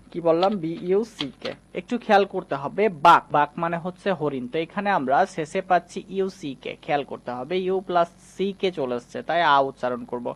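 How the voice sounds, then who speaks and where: A man teaching a reading lesson, explaining patiently and slowly repeating each example word. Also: on the high side.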